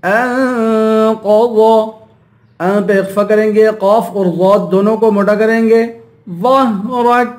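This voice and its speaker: A man teaching recitation, chanting verses slowly and melodically, then explaining each rule quickly in a lower voice. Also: fairly even intonation, a little mellow. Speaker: Quran teacher.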